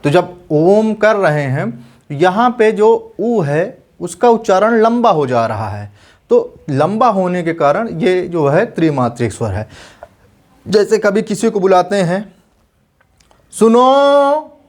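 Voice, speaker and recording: A male teacher giving an exam-prep lesson, explaining patiently and repeating definitions slowly so students can write them down. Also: sits high, sing-song, a little mellow.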